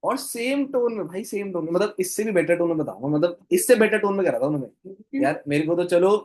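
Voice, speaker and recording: Chatty, higher-voiced young man coaching. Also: animated, quick pace, a little mellow. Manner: chatty, enthusiastic, chuckles while retelling. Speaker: network-marketing trainer. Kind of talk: casual talk-to-camera training recap.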